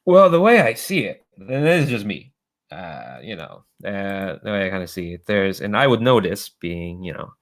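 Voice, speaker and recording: A harried goddess of rumor from a tabletop game, acted out by a man. The voice sits fairly low and talks in casual, gossipy fragments, with weary sighs and hesitations. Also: sing-song, normal speed. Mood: coaxing. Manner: sighing, hesitant, colloquial.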